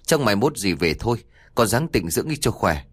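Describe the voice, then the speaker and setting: A man's voice: lowish voice, big pitch swings, a little fast, a bit bright, husky, no room sound, clean studio sound, heavily acted. A man voicing a frantic grieving mother. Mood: pleading. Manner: pleading, tearful.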